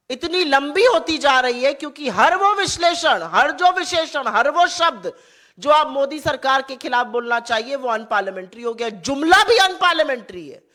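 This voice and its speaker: A woman giving a political speech as a party spokesperson, forceful and rhetorical, repeating rallying lists of points. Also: high voice.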